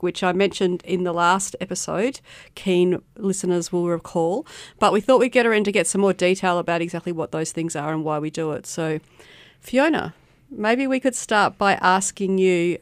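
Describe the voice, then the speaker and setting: A woman's voice: lowish voice, moderate pace, clear, resonant tone, dry recording. A woman co-hosting a community radio show, interviewing casually in a studio.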